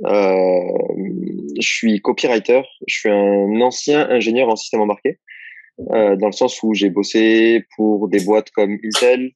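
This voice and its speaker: Low-voiced man, relaxed and rambling. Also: measured pace, no room sound, lo-fi sound. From south of France. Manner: relaxed, rambling storyteller with frequent restarts. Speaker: interview guest, copywriter. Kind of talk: casual interview chat.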